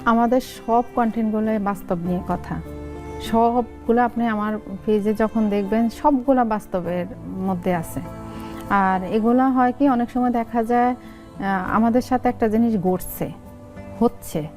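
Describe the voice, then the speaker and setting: A woman's voice: a little high, unhurried, faint music behind. A woman in her forties with a Noakhali Bengali accent, chatting casually as an interview guest and acting out family talk in dialect. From Noakhali region, Bangladesh. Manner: animated, acts out family dialogues in dialect. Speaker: content creator guest.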